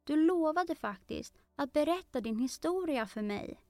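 A woman's voice: high voice, expressive, dark tone, no echo, soft background music, pitched above the performer's own voice. A woman voicing Alice, a curious, polite young girl who talks earnestly and eagerly in a storybook.

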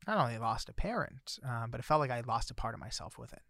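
A man's voice: medium pitch, fast talker, gravelly, dry recording, clean studio sound. A man telling a personal story as a guest author, in a casual chatty way with lots of fillers. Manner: chatty, many fillers, grows excited when recounting surprises.

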